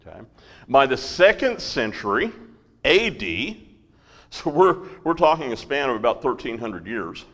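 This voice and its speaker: Slow-talking man teaching a Bible lesson. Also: medium pitch, sing-song, a bit bright, long reverb tail. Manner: slow, with frequent "right?" and "okay?" check-ins.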